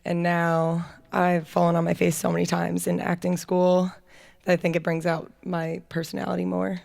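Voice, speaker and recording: Woman singer-songwriter, casual stage banter, self-mocking, slightly low voice. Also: monotone, moderate pace, creaky, a little mellow. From United States. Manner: self-mocking, playful, chatty. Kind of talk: casual onstage chat between songs. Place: live music venue with audience.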